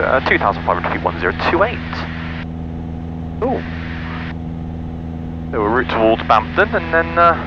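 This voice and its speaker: Loud engine noise fills this dull cockpit intercom recording of a man piloting a small light plane in flight. Wearing an aviation headset, he speaks at a medium pitch, making radio calls and working through his checks aloud in a methodical way.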